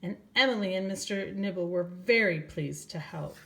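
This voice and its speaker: An older woman, a grandmother, reads a children's storybook aloud, talking straight to young children slowly and asking them questions. Her voice is on the low side with vocal fry and a fairly bright tone.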